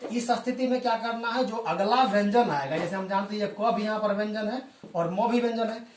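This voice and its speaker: A male teacher giving a spoken language lesson, patiently explaining and slowly repeating example words. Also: high voice, a little hiss or hum. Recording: echoey room, voice from a distance.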